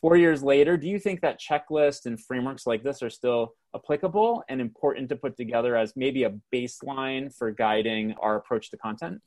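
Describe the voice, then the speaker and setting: Male moderator, mid-pitched, steady and formal, video-call sound. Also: fairly quick, few pauses. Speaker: host and moderator. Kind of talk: scripted introductions and interview questions.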